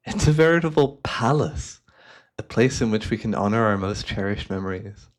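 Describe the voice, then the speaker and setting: Playing a cunning, refined hypnotist who collects things, a man in a fantasy ASMR roleplay speaks in softly coaxing, florid and theatrical phrases. His voice sits on the low side and feels warm and beguiling.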